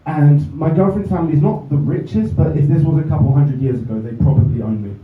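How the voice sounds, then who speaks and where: Fast and fairly high-pitched, a young Englishman works through a stand-up routine laced with dry self-mockery. The audio, taken from a distance in a comedy club, sounds roomy and somewhat dull, and audience laughter can be heard behind him.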